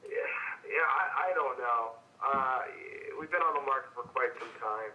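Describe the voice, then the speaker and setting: A man's voice: mid-range voice, moderate pace, a little hiss or hum. A man on the other end of a sales call, heard over a speakerphone, hesitant and stammering. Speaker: homeowner taking a sales call. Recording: dull phone line on speakerphone.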